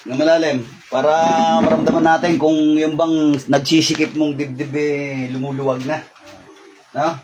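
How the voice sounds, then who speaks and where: A man leading a faith healing session, reciting rapid Latin prayers and giving short, repeated commands. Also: fairly high pitch, little pitch movement, dull audio, background noise. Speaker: faith healer.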